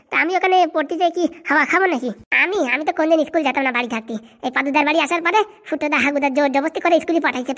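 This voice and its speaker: A squabbling household of rural cartoon characters, all voiced by one woman, trading rustic banter, teasing and scolding. The voices sit high and race along at a breakneck clip. It sounds like a comic cartoon sketch. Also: close to an everyday voice. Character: bickering rural cartoon family members, boisterous.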